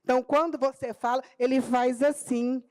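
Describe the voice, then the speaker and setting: Animated high-voiced Brazilian woman teacher. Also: moderate pace. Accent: Brazilian Portuguese, Minas Gerais. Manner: animated storyteller, acting out dialogue in her own telling. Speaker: teacher and pedagogue speaking on a panel. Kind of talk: storytelling talk at a public panel. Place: auditorium or conference room.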